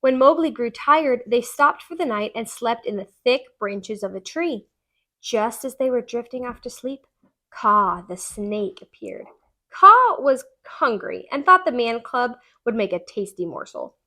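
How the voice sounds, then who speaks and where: This is a female tutor narrating a kids' storybook with a fairly high-pitched voice, taking her time and giving the story plenty of expressive color.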